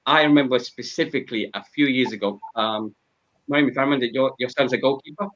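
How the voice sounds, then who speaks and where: A man's voice: medium pitch, fast talker, fairly bright tone. A man who heads a football club, speaking as a podcast guest and sharing earnest anecdotes. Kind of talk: casual podcast conversation. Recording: dull lo-fi audio.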